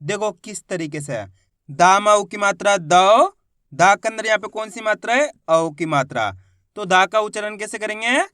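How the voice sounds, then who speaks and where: A man teaching children to read, spelling out syllables slowly and stressing each whole word loudly, with quicker, quieter explanations in between. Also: sits high, expressive, no room sound, clean studio sound. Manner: drawn-out syllables, rising loud on each finished word. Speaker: Hindi reading teacher. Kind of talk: slow spelled-out phonics lesson.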